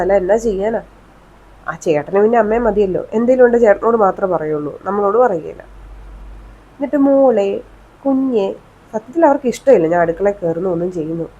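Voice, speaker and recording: A woman playing a sulky young daughter-in-law who grumbles and gossips in a slow, drawn-out way. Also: medium pitch, warm tone, muffled recording, natural voice.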